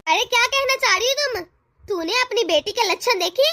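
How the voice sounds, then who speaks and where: A woman's voice: very high voice, animated, brisk, full character voice. A woman voicing a harsh, scolding middle-aged mother-in-law in a cartoon. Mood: scornful. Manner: sharp, contemptuous. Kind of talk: cartoon voice acting.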